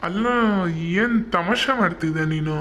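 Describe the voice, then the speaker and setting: A man's voice: sits high, moderate pace, sharp tone, slight background noise. A man voicing an impatient young husband in a comedy cartoon, giving bossy commands.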